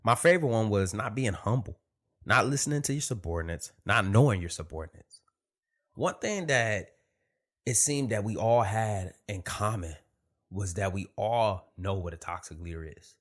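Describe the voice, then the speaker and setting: Male podcaster, lowish voice, swollen-tongue lisp, loose conversational monologue with emphatic repeats. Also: animated, normal speed. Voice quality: lisping, thick-tongued speech from a swollen tongue. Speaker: podcast host. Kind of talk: casual solo podcast monologue with profanity.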